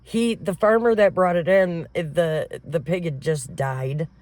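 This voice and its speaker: A woman's voice: fairly low pitch, a little slow, a little hiss or hum. Profane, laughing woman telling stories. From Flint, Michigan. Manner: profane, laughing, animated storyteller. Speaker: podcast co-host. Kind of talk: casual chat, storytelling.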